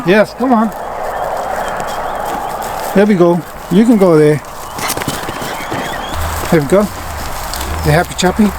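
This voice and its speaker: A man talks casually to his vlog viewers in a fairly high voice. He breaks into short calls to animals. The recording is outdoors, with clear farm noise around him. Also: slow pace, long pauses. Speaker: farm vlogger. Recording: noisy outdoor farm ambience.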